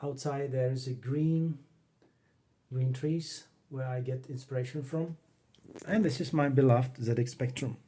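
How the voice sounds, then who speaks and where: A retro computing hobbyist from the Czech Republic speaks English with a Czech accent, calmly walking through a computer demo in his home workroom. His mid-range voice is plain and unhurried as he talks while operating the machine.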